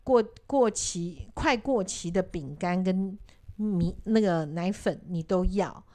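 A woman's voice: fairly low pitch, slow, darkish tone. A woman hosting a casual talk show, telling a counseling story and acting out what people said, with many fillers. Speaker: podcast host and counselor.

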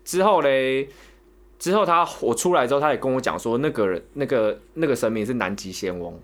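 A young man with a Taiwanese Mandarin accent tells a long story in rapid-fire bursts, tripping over repeated words. His voice sits at a middle pitch, and he is animated whenever he retells what others said. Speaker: podcast co-host. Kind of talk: casual storytelling chat.

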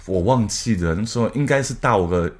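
A man's voice: lowish voice, expressive, a little fast. A young man, telling a personal story in casual podcast chat and laughing through the tense parts. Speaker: podcast co-host.

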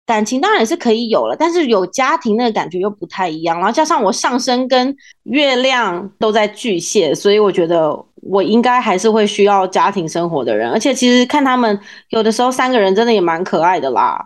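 A woman with a Taiwanese accent hosting a casual podcast chat in an expressive, playfully teasing way. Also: medium pitch. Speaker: podcast host, former radio presenter.

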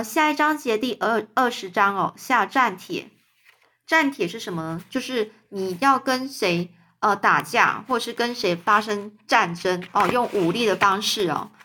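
A woman reading a children's novel aloud, stopping to explain words in simple terms. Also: sharp tone. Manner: voices the quoted characters with raised pitch.

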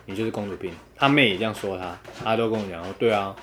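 A man chats quickly and casually, telling a story and acting out the people in it. His voice sits fairly low, and he breaks into loud laughs as he gets going. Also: slight background noise. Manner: animated storytelling, quotes others, laughs loudly. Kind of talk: casual chat.

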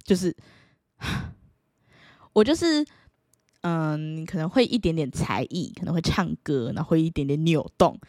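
A young woman, telling a personal story to camera in a playful, animated way that leaps into high excited exclamations. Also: brisk, hardly any pauses, no room sound, studio quality. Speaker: vlogger.

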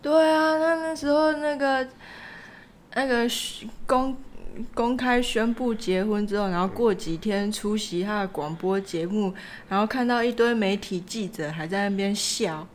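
A young woman, co-hosting a podcast and complaining in animated casual chat. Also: medium pitch, measured pace, slight background noise. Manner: animated complaining, frequent fillers. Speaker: podcast co-host.

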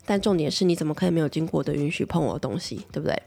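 Gravelly-voiced Taiwanese mom telling stories. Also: female voice, low voice, very fast. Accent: Taiwanese Mandarin. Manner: chatty, animated, asks listeners for agreement. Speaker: mother; pediatrician. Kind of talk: casual storytelling to viewers.

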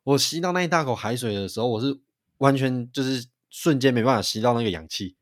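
Fast-talking man, dry sound. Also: medium pitch, no room sound. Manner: animated storytelling with frequent restarts. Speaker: podcast co-host. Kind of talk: casual chat.

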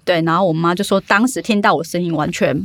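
A woman with a Taiwanese Mandarin accent, telling an animated, vivid story in a casual podcast chat. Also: lowish voice, fast talker, no echo. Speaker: podcast co-host.

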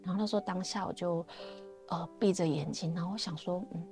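A woman's voice: on the low side, steady tone, a little fast, music in the background. A woman with a Taiwanese Mandarin accent sharing her personal faith testimony in a chatty, storytelling way, often trailing off with fillers.

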